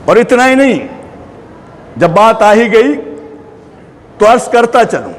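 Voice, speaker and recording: Impassioned high-voiced male preacher. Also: very animated, in a large hall. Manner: impassioned, rising to shouts, long drawn-out recitation. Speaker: religious speaker at a mourning gathering. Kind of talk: Urdu majlis sermon.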